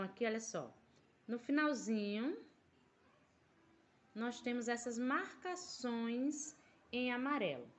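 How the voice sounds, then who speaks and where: A woman teaching a primary school language lesson, explaining patiently and drawing out syllables, with a Brazilian Portuguese accent. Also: a little high. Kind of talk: recorded remote class lesson.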